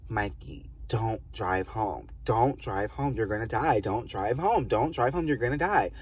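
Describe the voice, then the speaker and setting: A man's voice: lowish voice, lively intonation, unhurried, husky, far from the mic. A man voicing his worried young female best friend as she appears in a vision, repeating a plea to him. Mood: pleading.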